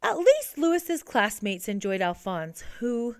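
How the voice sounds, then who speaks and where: Woman, storybook narrator, higher voice, dry close mic. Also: a little slow, clear, resonant tone, dry recording. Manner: steady storybook reading. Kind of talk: reading a picture book aloud.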